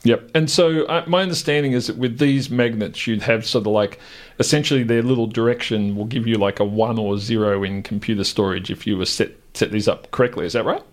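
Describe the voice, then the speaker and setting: A man's voice: medium pitch, a little fast. An Australian man hosting a radio interview, chatty and joking, asking loose rambling questions. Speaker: radio host.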